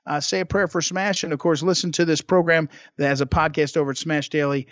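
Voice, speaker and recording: A man's voice: fairly high pitch, fairly even intonation, brisk, fairly bright tone, no echo, lo-fi sound. A man filling in as a talk radio host, arguing a point in a rambling monologue that keeps restarting sentences.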